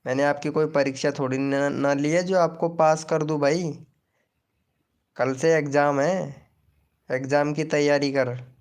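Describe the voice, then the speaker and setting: A man's voice: a little high, fairly even intonation. A man hosting a live stream in casual chat, teasing viewers and reading their comments aloud. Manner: slow, teasing, chatty banter with viewers.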